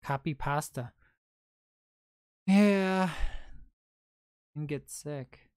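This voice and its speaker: A man in his late twenties, a reseller, hosts a laid-back livestream, chatting easily and responding to viewer comments in turn. His smooth, clear voice sits fairly high, and he draws out his words. The audio is dry and close-miked, with no room echo.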